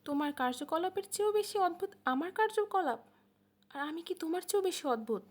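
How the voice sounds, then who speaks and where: A woman's voice: on the high side, animated, brisk. A woman voicing a tearful young woman who gives short, firm replies.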